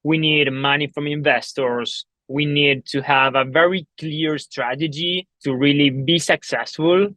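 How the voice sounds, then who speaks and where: A man's voice: a little high, steady tone, measured pace, hardly any pauses, pushed and bright, no echo. Upbeat man. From Argentina. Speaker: guest, startup co-founder. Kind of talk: casual interview. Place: coworking office.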